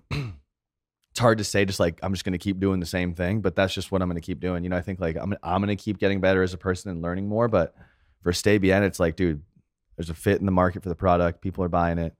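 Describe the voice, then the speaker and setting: A man in his thirties, a podcast guest, talking in a relaxed, slangy, jokey way. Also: low voice, fast talker, no echo, studio quality. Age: 30s. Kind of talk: casual chat.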